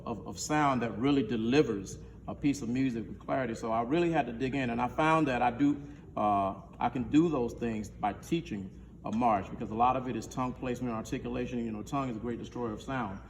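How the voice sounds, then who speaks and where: In a school band room, a band director with a mid-range voice and slightly fast delivery leads a rehearsal. He counts his players in and sings syllables to show how a note should sound. The recording is distant and reverberant, with faint noise.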